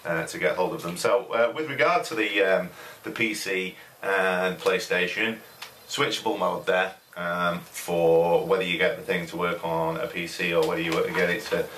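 A middle-aged man with a low, fairly bright voice casually reviews a product at home, speaking at a normal pace in a steady tone. He rambles with lots of fillers in a small room with a desk and computer, and the camera audio sounds distant and roomy with faint hiss.

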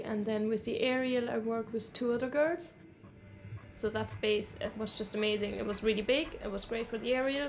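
Woman from Germany, native German speaker, fairly high voice, informal interview chat. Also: noisy background. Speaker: acrobat and aerial performer.

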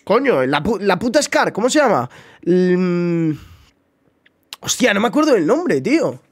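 A man's voice: high voice, very animated, measured pace, breathy edge. A man with a Spain Spanish accent giving casual, chatty gameplay commentary to his viewers, swearing often. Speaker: gaming streamer.

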